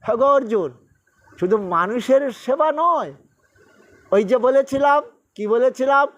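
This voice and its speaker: Male scripture teacher, very high smooth voice, slow measured chanting. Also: a bit bright, dull audio. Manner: slow drawn-out Sanskrit recitation, then brisk explaining. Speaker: Gita teacher.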